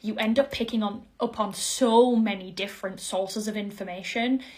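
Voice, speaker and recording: Young woman with a softened Geordie accent. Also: mid-range voice, fairly even intonation, moderate pace. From Northeast England. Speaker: vlogger. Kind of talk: casual talk to camera.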